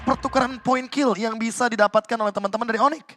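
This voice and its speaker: A man's voice: extremely high pitch, fairly even intonation, fast talker, pushed and bright, faint music behind. A man giving analytical esports commentary as a co-caster.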